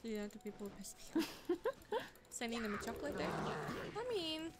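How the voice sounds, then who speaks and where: A woman's voice: sits high, very animated, normal speed. A young woman streaming a game, chatting casually with lots of fillers and blunt swearing. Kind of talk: casual chat while gaming. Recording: noisy home stream mic.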